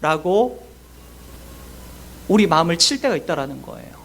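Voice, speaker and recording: A man's voice: fairly high pitch, big pitch swings, moderate pace, vocal fry, fairly bright tone, slight background noise. A middle-aged man preaching a sermon as pastor, earnest and emotional, acting out quoted voices.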